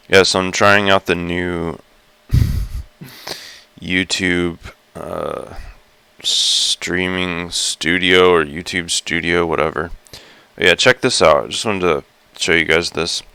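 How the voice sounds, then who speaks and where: A man with a deep, gravelly just-woken voice drawls through a casual live stream. He talks slowly and wanders, correcting himself as he goes. The sound is crisp and bright, close and dry with no room around it. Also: no echo. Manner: rambling, chatty, many fillers and self-corrections. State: groggy just-woken morning voice. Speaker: live streamer exploring a virtual world.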